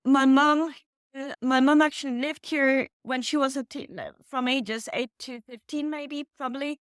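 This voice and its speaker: A woman's voice: sits high, fairly even intonation, no room sound, studio quality. A woman in her thirties from Poland, a native Polish speaker, answering interview questions with frequent restarts. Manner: halting, many restarts. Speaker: author guest. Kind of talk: casual interview.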